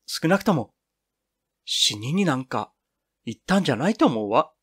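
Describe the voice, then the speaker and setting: A man's voice: fairly high pitch, big pitch swings, fairly bright tone, breathy edge, full character voice. A man reading the part of Piro, a cheerful, boyish young woman who talks firmly and confidently. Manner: brisk, scolding, confident.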